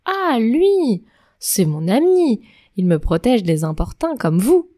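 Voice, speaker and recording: A woman voicing a bored, bookish young princess who speaks in a high, airy, dismissive way. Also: big pitch swings, slow pace, mellow, no room sound, clean studio sound, heavily acted. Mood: airy defiant.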